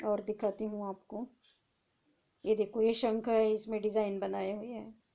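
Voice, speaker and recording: A woman teaching an online class, reading sentences aloud slowly and explaining them, often asking and then answering her own questions. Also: mid-range voice, level tone, vocal fry, warm tone.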